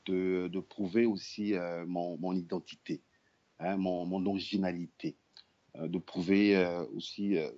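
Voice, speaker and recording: Very deep-voiced hesitant man. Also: a little mellow, lo-fi sound. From Republic of the Congo. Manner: hesitant, many fillers and restarts. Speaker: guest, actor, puppeteer, storyteller. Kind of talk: interview answers.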